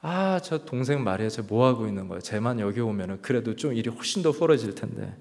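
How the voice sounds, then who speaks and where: A man's voice: mid-range voice, lively intonation, fast, gravelly, a little mellow, big-room sound, voice pushed down. A man voicing an irritated older sister. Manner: complaining, exasperated grumbling.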